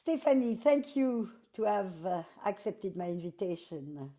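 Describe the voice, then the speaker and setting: A woman hosting an interview, chatty and a little halting, with non-native phrasing. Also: medium pitch, very animated, warm tone. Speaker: host. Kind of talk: casual interview conversation.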